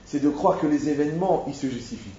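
A man's voice: on the high side, fast talker, mellow, slight background noise. A man teaching an informal Torah lesson, talking animatedly, firing rhetorical questions and speaking straight to his listeners. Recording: echoey, dull-sounding room recording.

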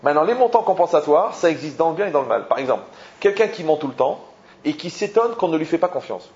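A man teaching a Torah lesson as a rabbi, animated and full of rhetorical questions, often repeating himself. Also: on the high side, fast talker. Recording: dull lo-fi recording.

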